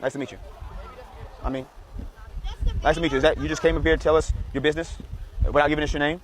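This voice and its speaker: Man, street preacher, polite, calm, quick pace, lightly raised pitch, outdoor setting. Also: poor audio. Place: outdoors in a public street or campus. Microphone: handheld or worn microphone.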